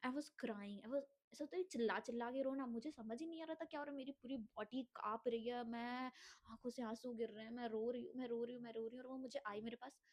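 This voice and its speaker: Speaking in a somewhat high, slightly mellow voice, a young woman recounts her life in an earnest vlog monologue. She is unwell and coughs as she talks, blending English phrases into her Hindi.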